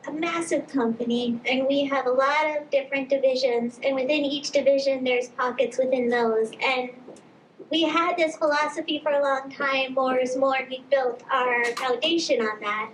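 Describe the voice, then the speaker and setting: A woman's voice: sits high, steady tone, moderate pace. Woman, conference panelist, explanatory, echoey room, faint noise. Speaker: marketing panelist. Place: conference stage.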